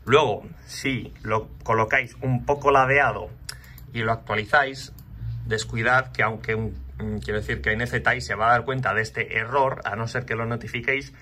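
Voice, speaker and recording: A man walking viewers through a design website in a relaxed, chatty tutorial, talking to the audience as he clicks. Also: mid-range voice, slight background noise. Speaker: channel host. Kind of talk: casual screen walkthrough tutorial.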